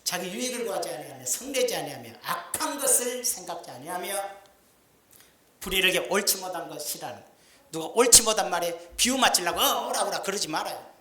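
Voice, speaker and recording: A man's voice: high voice, expressive, brisk, fairly bright tone. A middle-aged male pastor preaching a sermon in a folksy, joking way, acting out little everyday scenes. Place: church sanctuary. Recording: echoey church sound.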